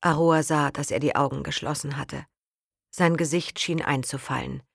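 Brief: woman audiobook narrator, low voice, dry close sound, measured dramatic reading. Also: steady tone, vocal fry, no room sound.

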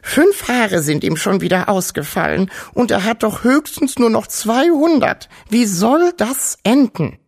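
Squeaky husky old wawuschel granny, a guy putting her on, fussy and worried. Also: expressive, measured pace, hardly any pauses, full character voice. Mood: fretting. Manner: squeaky, piping and fretful. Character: ancient tiny female Wawuschel grandmother, fretful.

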